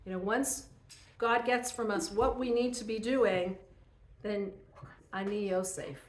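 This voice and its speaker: A woman teaching a Torah class to a group, retelling stories and parables in an earnest, animated way. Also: medium pitch, unhurried, slight background noise. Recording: roomy echo.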